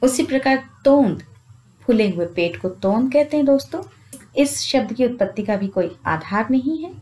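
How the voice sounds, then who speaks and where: Slow, careful woman teaching grammar. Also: on the high side, darkish tone. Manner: slow, careful explaining, addressing viewers as friends; lists example words one by one. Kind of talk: Hindi grammar lesson.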